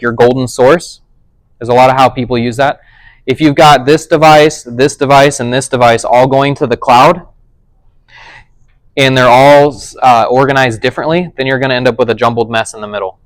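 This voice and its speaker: Brisk and steady, a man's mid-range voice carries a casual tech lesson delivered in a conversational style, punctuated by frequent checks of "does that make sense". The recording is low quality but free of echo.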